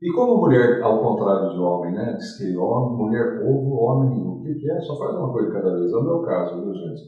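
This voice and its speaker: A man's voice: lowish voice, big pitch swings, a little fast, very echoey, far from the mic, narrow, tinny audio, soft background music. A man hosting a studio talk show, theatrical and jokey, jumping from topic to topic. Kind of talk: lively studio interview.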